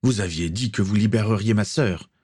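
A man's voice: fairly low pitch, normal speed, a little mellow, breathy edge. A man voicing a brave, self-sacrificing young boy in a storybook reading. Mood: pleading. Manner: pleading.

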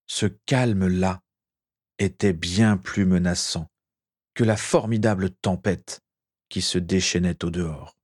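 A man reading a story aloud with measured, expressive narration. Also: low voice.

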